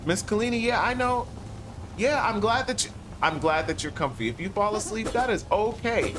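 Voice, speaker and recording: A man's voice: high-pitched, lively intonation, moderate pace, noisy background. A man streaming a game live, chatting casually with his viewers as he plays. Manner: laid-back, chatty, talks to chat viewers; sings playful ditties while playing. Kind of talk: live gameplay commentary. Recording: loud game music behind voice.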